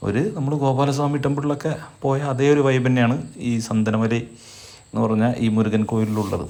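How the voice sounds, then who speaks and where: A man's voice: lowish voice, creaky, darkish tone. A man with a Malayali accent from Kerala giving a casual, explanatory travel vlog narration that often repeats itself. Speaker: travel vlogger.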